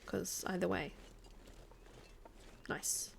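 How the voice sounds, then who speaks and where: A woman's voice: fairly low pitch, steady tone, extremely slow, gravelly, husky. A woman with a mild New Zealand accent, chatting casually and jokily as she streams a game live. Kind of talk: casual livestream chat over gameplay.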